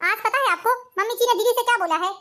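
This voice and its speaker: Shrill scheming cartoon wife, quick and pushy, woman voicing her. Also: pushed and bright. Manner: persuasive, insistent. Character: scheming young pregnant wife, sharp-tongued. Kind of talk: Hindi cartoon family drama.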